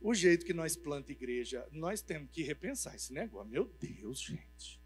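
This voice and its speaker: A man preaching a sermon, telling humorous stories in a lively, colloquial way. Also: on the high side, moderate pace, soft background music. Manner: lively, humorous, tells anecdotes; informal, colloquial speech. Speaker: pastor. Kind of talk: storytelling sermon. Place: church.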